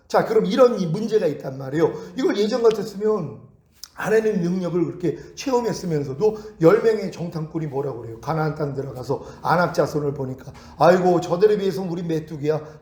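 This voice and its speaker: A man's voice: fairly high pitch, warm tone, roomy sound. A male pastor preaching a sermon lecture, acting out quoted prayers and voices as he teaches.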